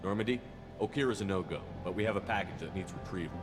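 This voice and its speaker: A man's voice: sits low, fast, over music, natural voice. A man playing a decisive, dryly wry military starship commander in a game. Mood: firm, wry. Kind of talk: game character acting.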